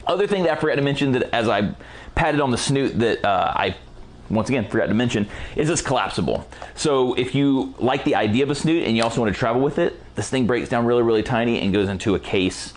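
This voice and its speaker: A man teaching a casual photography lighting tutorial in a relaxed, slangy, enthusiastic way while he is losing his voice. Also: mid-range voice, quick pace. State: losing his voice, clearing throat. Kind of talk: casual product walkthrough tutorial.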